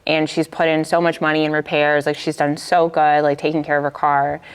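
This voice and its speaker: A woman in her forties from the United States tells a story as a podcast guest. Her voice is fairly low and smooth, and her storytelling is animated and full of casual fillers. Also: brisk.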